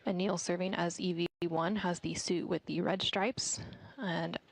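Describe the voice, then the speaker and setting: A woman with a slightly low, creaky voice delivers live mission commentary. She is measured and formal, explaining technical procedures as an official commentator. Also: steady tone.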